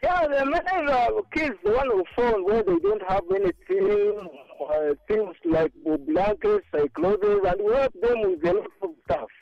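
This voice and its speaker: Sex: man. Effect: clipped, poor phone line. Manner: hesitant, full of restarts. Pitch: very high, lively. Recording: muffled phone line, faint music. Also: gravelly. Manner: hesitant, many pauses and restarts. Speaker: charity founder calling in. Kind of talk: radio phone-in interview.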